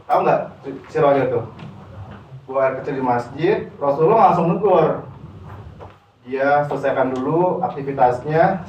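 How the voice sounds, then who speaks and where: A man's voice: fairly high pitch, a little hiss or hum. A man giving a casual public speaking workshop, talking straight to his students and dropping English terms into his speech. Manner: chatty, addresses audience directly, mixes in English terms. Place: university classroom. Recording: echoey room, distant mic, dull lo-fi sound.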